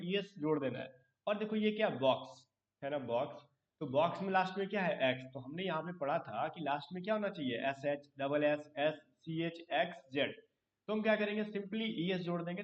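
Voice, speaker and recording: High-voiced man teaching, roomy distant sound. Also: lo-fi sound. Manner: explains with repeated questions to students; teasing, joking asides. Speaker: English teacher. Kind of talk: online live class lecture.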